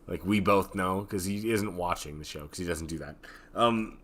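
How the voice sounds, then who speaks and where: A man's voice: low-pitched, normal speed, a bit bright, a little hiss or hum. A man co-hosting a casual post-show podcast chat, laughing often, swearing and slipping into mock-angry quoted voices. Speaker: podcast co-host.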